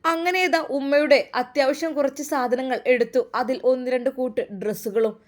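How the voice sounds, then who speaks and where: A woman's voice: high-pitched, steady tone, brisk. A woman narrating a spoken story in an emotive, emphatic way.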